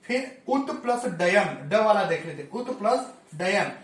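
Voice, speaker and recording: Guy teaching hindi grammar for exams, goes over each rule twice, pretty high voice, sounds far off from the mic. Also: lively intonation, measured pace. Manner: explains step by step, repeating each rule. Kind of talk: exam-prep lesson. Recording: echoey room, mic at a distance.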